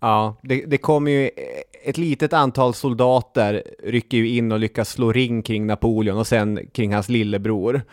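A man's voice: mid-range voice, steady tone, few pauses, no room sound. A man co-hosting a podcast, chatting about history with dry jokes and quoted passages. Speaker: podcast co-host. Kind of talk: casual history chat.

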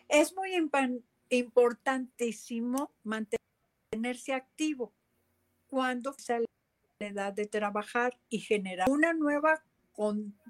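A woman chats as a guest on a talk show. She talks slowly and thoughtfully, in a slightly raised voice. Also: a little high. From Costa Rica. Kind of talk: casual chat.

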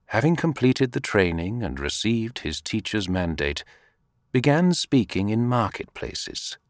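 A male narrator reads tales slowly and expressively. His fairly low voice moves with a lively melody. The sound is dry and close to the mic. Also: dry recording. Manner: unhurried, expressive storytelling. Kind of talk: audiobook story reading.

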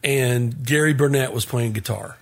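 A man in his fifties, a guest musician, telling stories in a relaxed interview with frequent laughs and restarts. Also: mid-range voice, normal speed. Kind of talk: casual interview storytelling.

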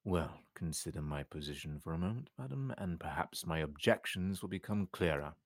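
A man playing a coldly polite, menacing army captain in a modern British RP accent, formal, measured and sardonic, in a period drama read-through. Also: deep voice, animated, no echo, clean studio sound. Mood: sardonic, stern.

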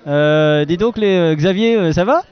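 A man with a somewhat high voice roams a wine festival, interviewing people in a jokey, teasing way that is full of fillers. The recording is muffled and lo-fi. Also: moderate pace. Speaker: festival podcast host.

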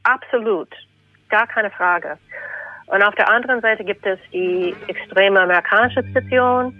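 A woman's voice: medium pitch, moderate pace, no room sound, dull audio. A woman historian answering in an interview excerpt, explaining emphatically.

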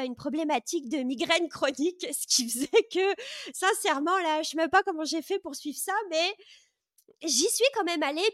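High-voiced woman telling her story eagerly. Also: a bit bright, no room sound, clean studio sound. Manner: enthusiastic, lots of hesitations and restarts. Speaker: podcast host, guest of this episode. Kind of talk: casual personal storytelling.

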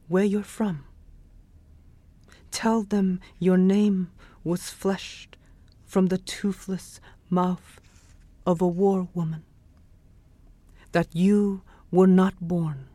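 Poet, soft measured reading, slow delivery, dry close sound. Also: male voice, sits high, no room sound. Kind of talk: poetry reading.

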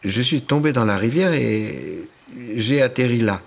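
A man voicing a frightened young male villager who stammers apologies and then pleads in panic, his voice pushed high. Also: lively intonation, measured pace, vocal fry, breathy edge, full character voice. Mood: apologetic. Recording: music bed underneath.

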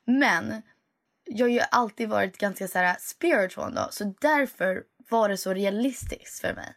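A young woman telling a story in casual chat, animated and mixing in English phrases. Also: mid-range voice, vocal fry.

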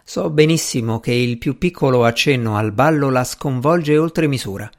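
A man's voice: medium pitch, normal speed, natural voice. A man voicing a good-natured young woman in an audiobook, earnest and a little teasing. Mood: pitying.

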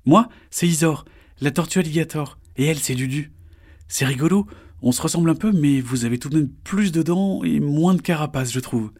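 A man's voice: on the high side, moderate pace, a little mellow, pitched above the performer's own voice. A man voicing a naive young female snapping turtle in a storybook, talking in a bouncy, innocent way. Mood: chirpy.

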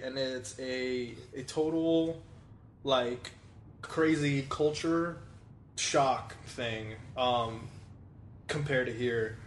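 A young man from Venezuela, a podcast guest chatting casually, laughing often and filling pauses with ums and you-knows. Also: medium pitch, a little hiss or hum. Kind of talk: casual chat. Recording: roomy echo.

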